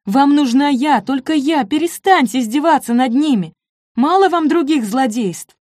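A woman's voice: moderate pace, dark tone, no room sound, clean studio sound, lightly acted. A woman voicing a desperate young woman pleading for her family. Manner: pleading, raised higher voice.

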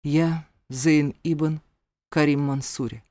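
A woman's voice: low voice, lively intonation, slow pace, dark tone, no echo, exaggerated voice. A woman reading an audiobook voices a stubborn, hot-headed young male warrior who speaks with desperate defiance. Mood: defiant.

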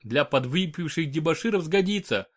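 A man narrating an audiobook in an expressive storytelling manner. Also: a little high, normal speed. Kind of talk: scripted narration.

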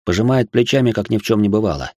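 Male audiobook narrator, low and stern, first-person storytelling. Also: expressive, fast, darkish tone, no echo, studio quality.

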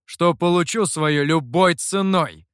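Casting: stern, menacing dark master, voiced by a man, somewhat high voice, dry close sound. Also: lively intonation, moderate pace, no echo. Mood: threatening. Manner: stern, threatening.

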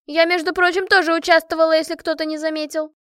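Brash, boastful young woman, voiced by a female narrator, high and loud. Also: little pitch movement, quick pace, no echo, studio quality.

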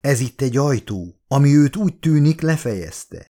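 An eager male scientist explorer, urgent and a little breathless, as an audiobook narrator puts him on. His voice lifts with excitement while he points things out. This is an audiobook character reading. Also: mid-range voice, pitched above the performer's own voice, natural voice. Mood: excited. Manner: urgent, breathy excitement, half-whispering at times.

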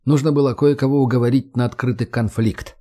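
Man playing a calm, blunt young man. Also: medium pitch, brisk, close to an everyday voice. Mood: matter-of-fact. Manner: calm, blunt, matter-of-fact. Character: cool, self-assured young man, blunt and persuasive.

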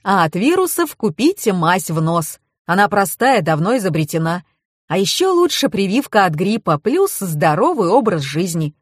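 A woman voicing a pedantic male expert who lectures in a wordy, deadpan way. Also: medium pitch, moderate pace, no echo, studio quality. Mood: lecturing.

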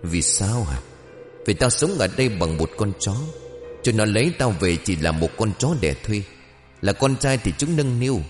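A bitter, vengeful female ghost played by a man speaks in a deep, low voice with slow menace. Her pitch swings widely as she accuses, over faint music in a storybook horror tale. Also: big-room sound.

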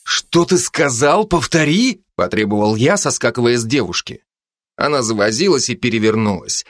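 A man's voice: medium pitch, dry recording, studio quality, natural voice. An actor voicing an arrogant, hot-tempered young male shapeshifter in an audiobook, growling and mocking. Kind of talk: audiobook character reading.

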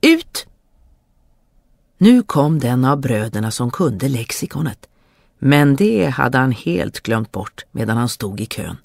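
A storyteller reading a fairy tale aloud in a lively, expressive way. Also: mid-range voice, creaky, no echo, clean studio sound.

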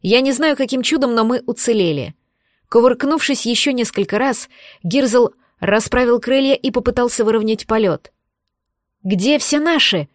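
A woman's voice: fairly high pitch, normal speed, dry recording, clean studio sound. Woman narrating a fantasy audiobook. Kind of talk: scripted narration.

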